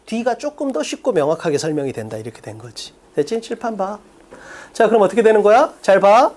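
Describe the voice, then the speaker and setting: A man teaching an English exam-prep lecture in Korean, emphatic and quick to drop into low asides. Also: darkish tone.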